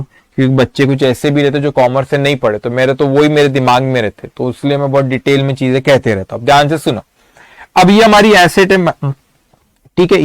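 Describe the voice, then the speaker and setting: A man's voice: medium pitch, clear, resonant tone, no echo. A man teaching accounting in a live online lecture, asking students questions and answering them himself.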